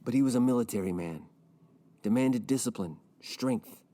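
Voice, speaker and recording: Actor as a dark-toned, deadpan, mopey rich man, audio comedy. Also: medium pitch, moderate pace, natural voice. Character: gloomy rich man, self-pitying and rambling.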